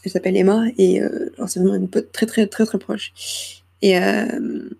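A woman's voice: medium pitch, little pitch movement, normal speed, vocal fry, dark tone, breathy edge. A young woman hosting her own podcast, rambling casually with hesitations and self-deprecating asides, into a small microphone. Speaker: podcast host. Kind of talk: casual solo podcast chat.

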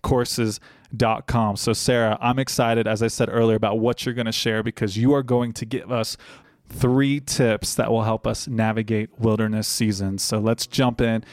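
A man's voice: fairly low pitch, level tone, moderate pace, dry recording, studio quality. A man hosting a faith podcast, speaking in a playful, joking way as he introduces his guest and topic. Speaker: podcast host. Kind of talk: upbeat podcast intro chat.

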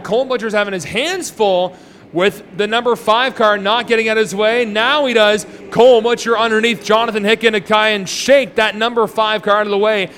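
A man's voice: high-pitched, a bit bright. A man calling a live stock car race as an exclamatory motorsport commentator. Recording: noisy trackside ambience.

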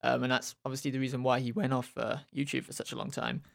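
A man's voice: mid-range voice, little pitch movement, fast, creaky, fairly bright tone, no echo, studio quality. A nineteen-year-old man co-hosting a casual podcast, chatty, laughing often and trailing off with ums. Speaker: podcast co-host. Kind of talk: casual chat.

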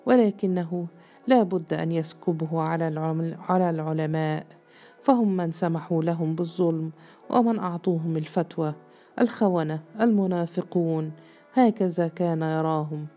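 A woman reading a historical novel aloud in steady, measured storytelling narration. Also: sits low, faint music behind. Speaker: audiobook narrator.

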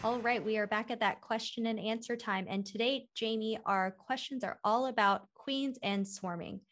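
A woman's voice: on the high side, fairly even intonation, normal speed, a bit bright, faint music behind. Woman podcast co-host, casual chat with plenty of fillers, easygoing delivery. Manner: conversational, many fillers.

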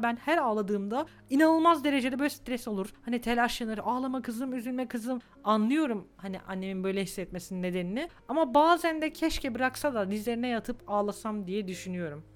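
A woman in her twenties hosting a solo podcast, talking candidly and emotionally, close to tears at times. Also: fairly high pitch. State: on the verge of tears. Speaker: podcast host. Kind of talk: reflective solo podcast monologue.

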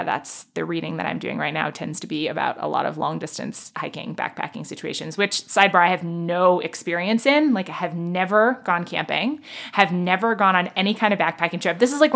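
Chatty, bubbly American woman, slightly low voice. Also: vocal fry, fairly bright tone. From Manhattan, New York. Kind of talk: casual conversational chat.

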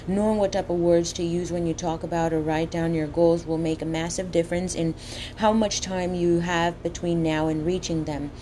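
A woman with a slushy lisp on her s sounds reads a scripted motivational talk as a coach, emphatic and deliberate, often putting questions to the listener. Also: lowish voice, little pitch movement, dark tone, slight background noise.

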